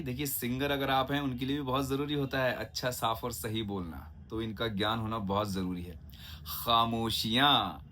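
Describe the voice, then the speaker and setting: A man's voice: mid-range voice, a bit bright, a little hiss or hum. A man giving a Hindi diction lesson, stretching out each example word and checking in with his listeners. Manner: drawn-out, carefully enunciated example words; chatty, asks listeners "ठीक है?" and "है ना?". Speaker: diction teacher.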